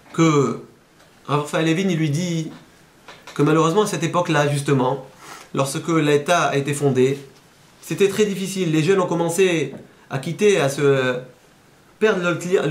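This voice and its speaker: A man, a rabbi, giving a sermon and telling a story with lively, animated delivery. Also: echoey room. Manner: animated storyteller, voices quoted speakers, rises high at emotional peaks.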